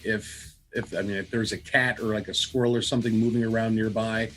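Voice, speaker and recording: A man's voice: fairly low pitch, steady tone, brisk, a bit bright, soft background music. A middle-aged man hosting a casual podcast, talking in a wry, playful and rambling way. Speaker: podcast host.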